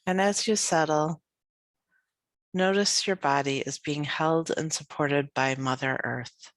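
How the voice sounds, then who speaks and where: Her voice sits low as she teaches a guided yoga nidra session, soft and calming, with leisurely phrases and long silences between them. No room sound can be heard.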